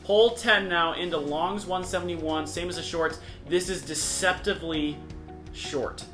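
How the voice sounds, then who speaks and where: Michigan guy doing chatty disc golf play-by-play outside, kinda high voice. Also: fairly even intonation, moderate pace, over music. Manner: chatty, upbeat play-by-play with fillers. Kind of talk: casual tournament commentary. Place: outdoor disc golf course.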